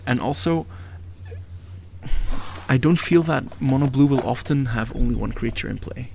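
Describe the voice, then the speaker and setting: A man's voice: mid-range voice, normal speed, vocal fry, darkish tone. A man commentating a live card game match, analytical, chatty and given to jokes. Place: event venue.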